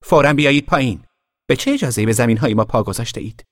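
A man's voice: fairly high pitch, sing-song, dry recording, clean studio sound, pitched above the performer's own voice. Man putting on a haughty teasing noble girl. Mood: imperious. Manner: mocking, imperious.

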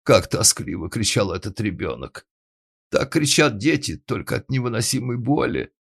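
A man voicing a huge, loud middle-aged lady who roars and then coos in baby talk. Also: on the low side, big pitch swings, normal speed, vocal fry, breathy edge, voice pushed up, heavily acted. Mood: outraged.

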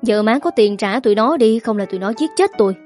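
A woman's voice: a little high, animated, quick pace, a little mellow, faint music behind. A woman doing a sulky young gambler son. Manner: sulky, evasive, whiny.

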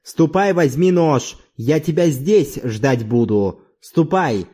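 A man's voice: on the high side, expressive, takes it slowly, dark tone, husky, full character voice. A man voicing a fierce, vengeful young village brute who snarls threats in a storybook reading. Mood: menacing.

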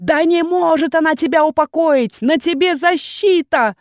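A woman voicing a commanding male necromancer captain in an audiobook, shouting orders and later taunting in a low, hollow voice. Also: moderate pace, no echo, clean studio sound. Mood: yelling.

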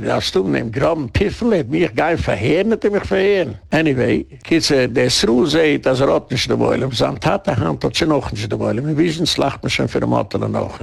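A man's voice: mid-range voice, vocal fry, husky. A man, a rabbi, giving a rambling, digressive talk, telling stories and chuckling often. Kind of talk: rambling informal lecture.

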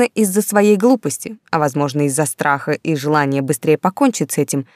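Woman, audiobook narration, steady storytelling, low voice, dry. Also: no room sound. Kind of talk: scripted narration.

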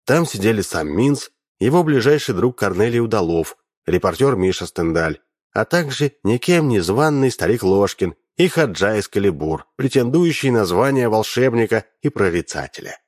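A man reading a story aloud, with animated storytelling. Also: lowish voice, normal speed, dry recording, clean studio sound. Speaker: audiobook reader. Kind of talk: expressive audiobook narration.

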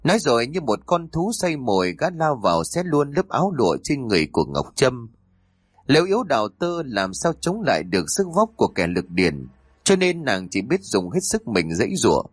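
A man narrating a folk tale in a dramatic, expressive storytelling style. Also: medium pitch, breathy edge, no echo.

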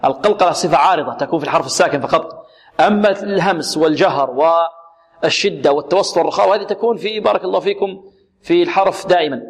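Guy teaching tajweed on islamic radio, bit high voice, keeps asking and answering himself, drags out words to show the sounds. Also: creaky, breathy edge. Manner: asks rhetorical questions and answers them himself; demonstrates sounds slowly and repeats words. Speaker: Quran recitation teacher.

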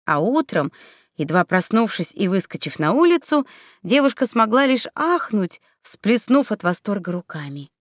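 A woman narrating a fairy tale audiobook with expressive, playful storytelling on a close mic. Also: medium pitch, normal speed, dry recording.

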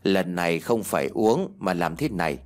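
A man's voice: deep voice, expressive, normal speed, voice pushed down. A man voicing a blunt, scolding old male village shaman in a spoken ghost story. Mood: gruff.

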